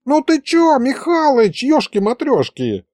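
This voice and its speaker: A man doing Mirovid, a shrill old wizard. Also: huge pitch swings, measured pace, darkish tone, dry recording, studio quality, exaggerated voice. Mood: offended. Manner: high, rambling folksy chatter. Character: excitable ancient male wizard, chattering and touchy.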